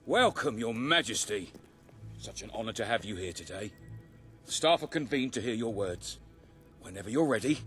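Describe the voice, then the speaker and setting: Formal, deferential servant. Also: male voice, lowish voice, animated, moderate pace, a bit bright. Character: formal, deferential castle servant greeting royalty. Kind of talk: video game voice acting. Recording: background music.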